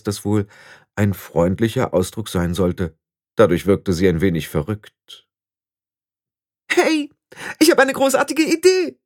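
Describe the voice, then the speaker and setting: A man narrating an audiobook in an expressive storytelling manner. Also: lowish voice, dry recording, studio quality.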